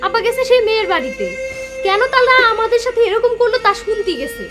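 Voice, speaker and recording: A young actress playing a daughter briskly consoling her mother. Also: extremely high pitch, very animated, music in the background.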